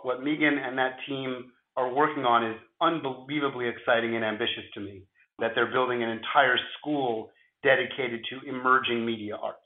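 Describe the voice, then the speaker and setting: A man with a gravelly voice, hoarse from flu, explaining things conversationally as an interview guest in measured phrases. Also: medium pitch, reverberant, narrow, tinny audio. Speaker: interview guest, futurist at a film studio.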